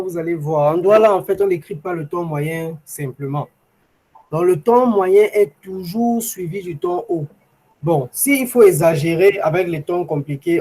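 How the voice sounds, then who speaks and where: Patient male teacher on a video call, slightly higher-pitched, explains step by step. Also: a little mellow, rough recording. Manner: patient, repeats examples slowly. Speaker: language teacher. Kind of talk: online class explanation.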